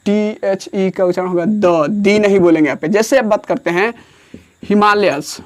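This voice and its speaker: Indian man teaching a grammar class. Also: sits high. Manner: explains slowly, repeats phrases, dictates words one at a time.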